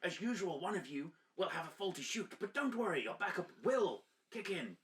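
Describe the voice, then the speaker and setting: A man's voice: sits high, sing-song, normal speed, a bit bright, a little hiss or hum. A man narrating as game master of a tabletop game, with a playful, joking delivery.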